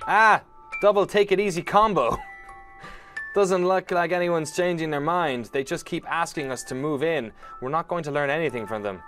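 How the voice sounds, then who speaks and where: A man's voice: fairly high pitch, normal speed, a bit bright, faint music behind. A man hosting a let's play, giving casual, joking commentary while reading a visual novel. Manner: wry, joking.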